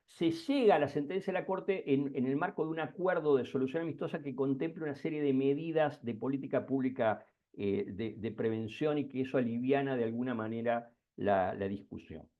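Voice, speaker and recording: A man giving an academic lecture, with an Argentine Spanish accent, pausing often with fillers and restarts. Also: medium pitch, warm tone. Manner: hesitant, many fillers and restarts. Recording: dull lo-fi sound.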